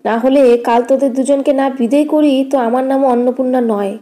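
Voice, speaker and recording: A woman voicing a sharp-tongued middle-aged elder sister-in-law who scolds in a raised, scornful tone, read as an audiobook character. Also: sits high, steady tone, normal speed, natural voice. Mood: scolding.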